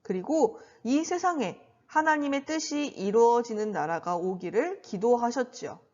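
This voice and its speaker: A woman's voice: a little high, animated, measured pace, darkish tone. A woman giving a children's sermon in an exaggerated, sing-song presenter manner, much like a theme park character addressing kids. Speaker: children's Sunday school preacher. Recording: slightly dull, lo-fi recording.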